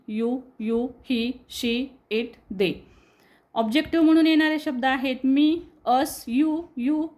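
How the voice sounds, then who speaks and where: A woman with a Marathi accent, teaching English reading to students and slowly repeating each word for them. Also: high voice. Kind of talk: explaining a lesson on screen.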